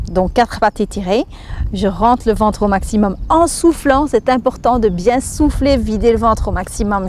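A woman in her thirties with a Belgian French accent demonstrates exercises as a fitness instructor, counting each move and breathing through it as she explains. Her medium-pitched voice is a little mellow, with a little hiss or hum present.

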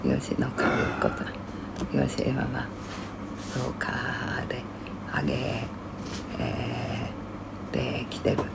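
Gravelly older woman livestreaming. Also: a bass voice, level tone, slow pace, long pauses, very noisy. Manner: mutters comments in half-whispers, then grumbles loudly. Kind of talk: casual livestream chat reading viewer comments.

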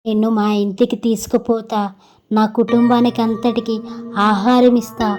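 A woman's voice: fairly high pitch, little pitch movement, normal speed, a little mellow, soft background music, close to an everyday voice. A woman doing a shrieking vengeful bride ghost. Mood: menacing. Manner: shrieking, menacing threats. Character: vengeful young female ghost in bridal clothes.

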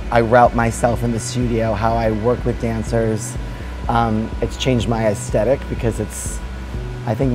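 A man's voice: mid-range voice, rough recording. A man in his thirties, a dance teacher, giving reflective interview answers with many fillers and restarts, recorded on a lapel mic in a large hotel lounge.

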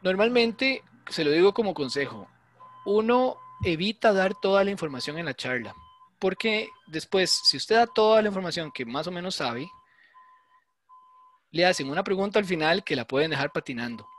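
A man's voice: high voice, lively intonation, normal speed, a bit bright, slight background noise. A man giving a university lecture, explaining in a conversational way and checking often with "¿verdad?". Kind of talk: online class lecture.

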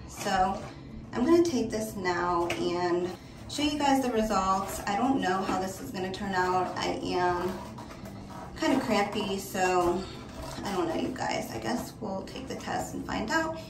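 A woman filming a casual vlog, talking excitedly to her viewers and often saying "you guys.". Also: medium pitch, reverberant, background noise. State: out of breath. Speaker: vlogger. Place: home bathroom.

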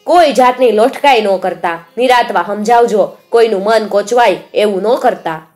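A woman voicing a mannerly male king who gives careful, measured instructions. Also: medium pitch, a little mellow, faint music behind, close to an everyday voice. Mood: earnest.

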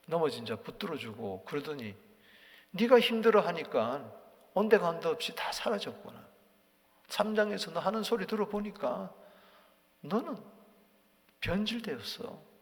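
A man preaches with a gravelly, fairly high voice that swings widely in pitch. He mocks the voices of accusers, then drops to a near whisper. The long church reverb trails after each phrase. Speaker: pastor. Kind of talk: early-morning sermon. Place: church sanctuary.

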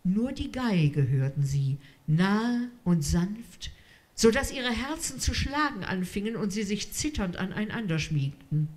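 A woman reading a literary story aloud in a measured storytelling manner. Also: medium pitch, big pitch swings, darkish tone. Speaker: reader.

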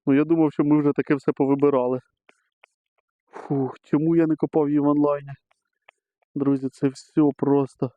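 A man's voice: fairly high pitch, level tone, moderate pace, pauses often, no room sound. Chatty man detecting in a meadow. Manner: chatty, keeps addressing viewers as friends. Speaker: metal-detecting vlogger. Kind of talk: casual commentary to camera while digging. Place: outdoors on a meadow. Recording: slightly dull lo-fi recording.

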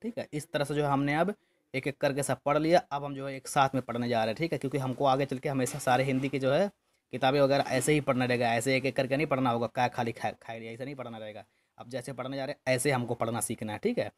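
Man teacher, patient, slow phonics drill for little kids, keeps repeating stuff. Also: mid-range voice, steady tone. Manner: patient, repetitive, spells out each word slowly. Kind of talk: slow, syllable-by-syllable phonics lesson for small children.

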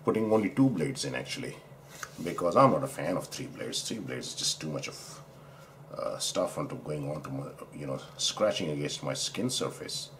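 With a rumbling low, fairly bright voice, this Pakistani doctor speaks expressively at normal speed. He's casually unboxing a razor at his desk indoors, shot from overhead, wandering off track and correcting himself while admiring the parts. A little hiss or hum is audible.

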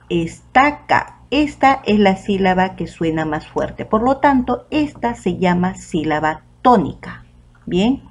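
A teacher from Peru, speaking Spanish with a Peruvian accent, leads a prerecorded online class for kids and enunciates each example word slowly and distinctly. Her voice sits at a medium pitch with a somewhat dark tone.

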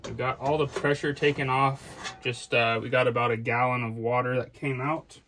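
A man's voice: medium pitch, steady tone, normal speed, fairly bright tone, slight background noise. A man hosting a do-it-yourself video, casually explaining each step of a repair in a basement utility room. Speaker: DIY HVAC video host. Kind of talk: casual how-to demonstration.

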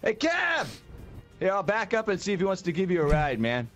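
A man's voice: sits high, lively intonation, fast talker, faint music behind. A man in a game role-play, talking in a jittery way and tacking "man" onto his sentences. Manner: jittery, tacks 'man' onto everything.

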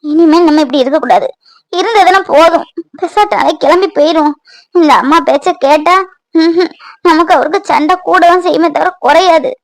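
A woman's voice: extremely high pitch, fairly quick, dry recording, poor audio. A woman voicing a hurt young cartoon mother who broods aloud in a sorrowful, self-pitying voice. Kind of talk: cartoon voice acting.

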